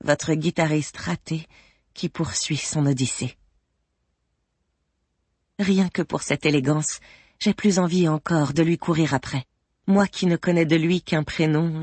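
Breathy woman narrating a novel. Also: low-pitched, a little mellow, no echo. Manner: intimate, introspective, wry. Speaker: audiobook narrator. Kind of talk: first-person novel narration.

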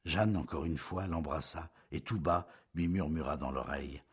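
A man narrating a classic novel as an audiobook in a measured, expressive storytelling manner. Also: a bass voice, slightly rough.

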